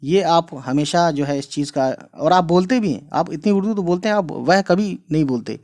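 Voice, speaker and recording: Man, Urdu tutor, casual lesson style, patient and repetitive, voice a bit on the high side. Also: moderate pace, a little mellow. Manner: patient, repetitive explaining with frequent checks; addresses viewers casually as guys. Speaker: Urdu teacher. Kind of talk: online language lesson.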